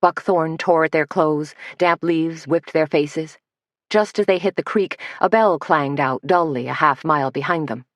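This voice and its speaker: A woman reads a mystery novel aloud, her voice low and steady. The recording is close and dry, with no room sound. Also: dry recording. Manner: steady, measured reading. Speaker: audiobook narrator. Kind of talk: scripted narration.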